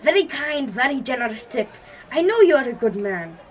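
A woman's voice: sits high, big pitch swings, moderate pace, husky, heavily acted. A woman playing an eager, deferential Indian male tour guide with an Indian accent and polite broken English, in a comedy drama. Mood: apologetic, placating.

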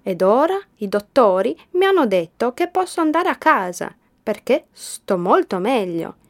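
A woman's voice: a little high, big pitch swings, a little slow, voice pushed up. A woman voicing a sick young boy in a wheelchair who is skeptical at first and later overjoyed, in a storybook reading. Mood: excited.

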